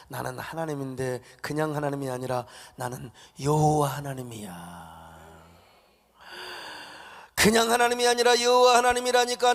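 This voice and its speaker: A pastor putting on a commanding divine voice, pitched low and deliberate, declaring slowly and emphatically. It rings through a large church hall with long reverb. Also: male voice, gravelly. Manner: slow, solemn, emphatic declaring. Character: God, a commanding divine male voice revealing his name.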